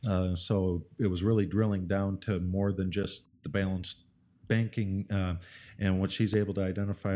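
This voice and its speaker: Deep, flat-voiced man, hesitant. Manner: hesitant, many "uh" and "um". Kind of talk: casual podcast conversation.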